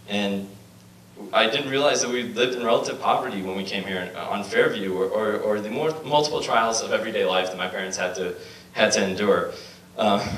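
A man's voice: on the low side, pushed and bright. A young man born in Bosnia giving an earnest prepared speech at a podium with a handheld mic, with some restarts and fillers. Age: young adult. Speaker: student speaker. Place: lecture hall. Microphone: handheld mic, filmed from far. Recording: echoey hall, far from camera mic, faint hum.

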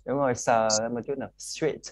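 A man's voice: mid-range voice, fairly even intonation, quick pace, a little mellow. Vietnamese man drilling English sounds. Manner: corrects sounds by modelling words over and over. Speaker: English pronunciation teacher. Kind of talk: one-on-one English pronunciation lesson.

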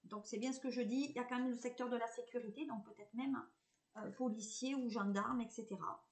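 Woman medium, southern French accent, fairly high voice; chats and reassures viewers through a live card reading, halting often. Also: steady tone. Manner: chatty and reassuring, hesitant with many fillers. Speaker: medium giving a tarot reading.

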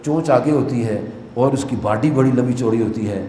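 A man from Pakistan, preaching a sermon, swinging between loud declaiming and low, intense asides. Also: moderate pace. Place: large mosque hall. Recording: echoey mosque hall with long reverb, faint noise.

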